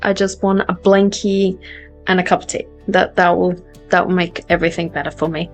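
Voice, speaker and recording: This adult tarot reader hosts her livestream with a low-leaning, level voice, speaking fairly quickly over soft background music. She chats casually, reads out viewers' comments, and laughs at herself often.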